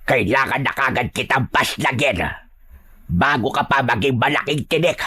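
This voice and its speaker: A man voicing a cruel female aswang queen, speaking slowly and mockingly in an audio horror story. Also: mid-range voice, sharp tone, slightly rough. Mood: gloating. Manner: slow, gloating and taunting.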